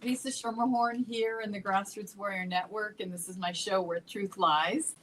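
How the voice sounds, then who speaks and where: A woman's voice: mid-range voice, fairly even intonation, normal speed, a little hiss or hum, low-quality recording. A woman hosting a casual roundtable chat, bubbly and laughing often. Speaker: show host.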